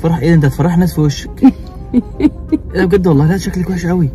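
A man's voice: fairly high pitch, steady tone, rapid-fire, dark tone. A young Egyptian man talks at a breakneck pace in a somewhat raised voice. He teases relentlessly and swears oath after oath, laughing between jabs, from inside a car. Faint music plays underneath. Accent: Egyptian Arabic. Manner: teasing, laughing, swearing oaths. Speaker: vlogger, husband. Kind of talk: prank vlog banter.

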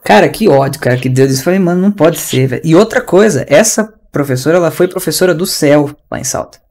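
A man's voice: fairly high pitch, quick pace, darkish tone. A man with a Brazilian Portuguese accent teaching an online English class in a chatty, slangy, ranting way over a video call.

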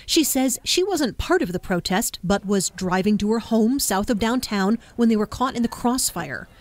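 A woman reporter delivers a scripted local news story. Her pace is measured and her tone stays even. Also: on the high side, no echo.

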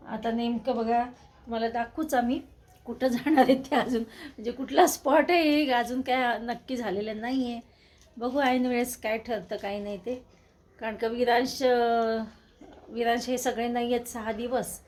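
A woman's voice: fairly high pitch, fairly even intonation, moderate pace, darkish tone. An older woman chatting casually at home as a vlogger, often turning to coax a toddler. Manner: chatty, talks to toddler in coaxing tones. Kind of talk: casual home vlog chat.

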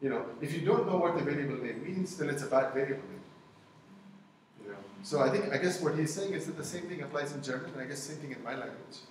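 A middle-aged Tamil-speaking man gives a quick, relaxed university lecture with audience discussion, constantly checking in with "you know" and "okay?" in a slightly high voice. A far-off room camera picks him up in an echoey lecture hall with a blackboard and projector, with faint noise in the background.

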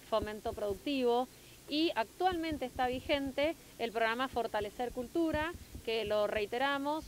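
A woman's voice: on the high side, a little hiss or hum, poor audio. A woman, a municipal culture official, explaining aid programs to local TV news with frequent fillers and restarts. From Argentina.

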